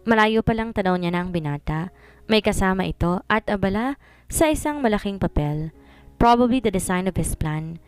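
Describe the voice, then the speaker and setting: A woman narrating a serialized romance story in a steady, even manner. Her voice is smooth and clear, with a mid-range pitch, recorded close and dry. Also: moderate pace, no echo, soft background music. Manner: steady, mixing two languages.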